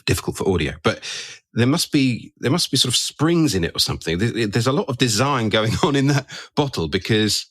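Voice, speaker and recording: A man's voice: mid-range voice, lively intonation, brisk, hardly any pauses, fairly bright tone, no room sound, clean studio sound. A man hosting a podcast in casual interview chat, often ending his remarks with tag questions. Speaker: podcast host.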